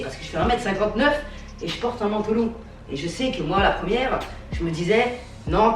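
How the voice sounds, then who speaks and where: Young woman fashion vlogger, effusive and slangy, recorded from a distance in a reverberant room. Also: mid-range voice. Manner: gushing and slangy, quick swings into mock outrage. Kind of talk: casual clothing haul chat. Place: at home, trying on clothes. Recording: echoey room, mic at a distance, faint music.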